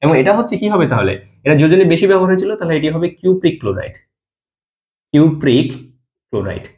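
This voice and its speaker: A man's voice: on the high side, very animated, rapid-fire, darkish tone. A man teaching a chemistry lesson, explaining step by step and answering his own questions, dropping his voice at the end of each compound name.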